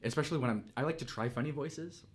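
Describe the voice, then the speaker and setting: A man's voice: mid-range voice, fast talker. A man co-hosting a casual gaming podcast, talking in loose, rambling sentences full of fillers. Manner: rambling, hedging with "like". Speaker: podcast co-host. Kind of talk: casual roundtable chat.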